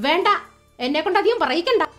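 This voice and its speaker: A woman's voice: very high voice, expressive, fast talker. A woman voicing a sarcastic middle-aged wife and mother who scolds her husband, with faint music behind. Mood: scolding.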